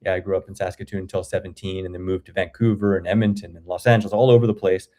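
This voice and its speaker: A man's voice: low voice, flat delivery, racing, warm tone. A Canadian man in his forties, a guest chatting enthusiastically on a video call and rambling through his stories. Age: 40s. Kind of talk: casual chat.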